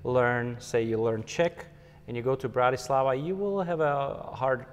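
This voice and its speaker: A Slovak man in his forties, a conductor appearing as an interview guest, answers questions thoughtfully in a Slovak accent, hesitating often. His medium-pitched voice is unhurried and clean, recorded with a dull, big-room sound in an empty hall with a stage.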